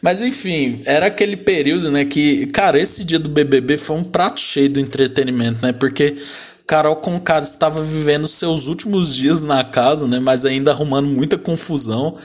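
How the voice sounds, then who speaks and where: Man, casual podcast host, animated slangy storytelling, somewhat high voice. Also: moderate pace. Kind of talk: casual chat, retelling TV drama.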